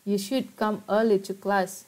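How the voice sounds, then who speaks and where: A woman's voice: mid-range voice, fairly even intonation, measured pace, darkish tone. A woman with an Indonesian accent leads an online grammar class in a mid-range voice. She talks in a chatty way, switches between English and Indonesian, and checks in with the students often. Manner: mixes Indonesian explanations into English, chatty, asks the class questions.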